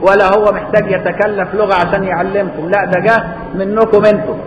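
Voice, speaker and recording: A man's voice: high-pitched, steady tone, highs cut off, crowd noise. A man with an Egyptian accent teaching a classical religious text, explaining with rhetorical questions and repetition. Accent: Egyptian Arabic. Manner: chants Quran verses slowly. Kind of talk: classical text lesson in Egyptian colloquial Arabic. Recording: echoey hall with faint noise.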